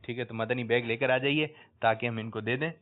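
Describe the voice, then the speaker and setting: A man hosting a religious quiz for children, coaxing answers out of them and loudly praising the correct ones. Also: mid-range voice, fairly even intonation, a little hiss or hum. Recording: tinny lo-fi phone-like sound.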